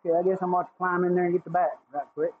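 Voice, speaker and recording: A man with a Southern drawl chats casually to his livestream viewers while he works at a guitar build. His voice sits fairly high and comes through thin and phone-like, with a faint hiss behind it. He talks in a folksy, easygoing way. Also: little pitch movement, racing. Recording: tinny phone-like sound with faint noise.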